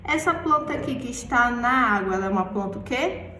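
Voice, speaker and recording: A Brazilian woman teaching a primary class, asking questions and answering them herself while stretching the key words slowly. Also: on the high side, expressive, pushed and bright, a little hiss or hum. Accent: Brazilian Portuguese. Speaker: schoolteacher. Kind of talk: recorded remote class lesson. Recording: echoey room, voice far from the mic.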